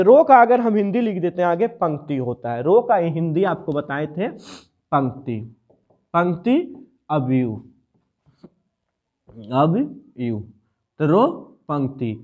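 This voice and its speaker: High-voiced Hindi math tutor, tinny audio. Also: male voice, darkish tone. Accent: Bihari Hindi. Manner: repetitive, quizzes the viewer, explains step by step. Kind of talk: classroom lecture.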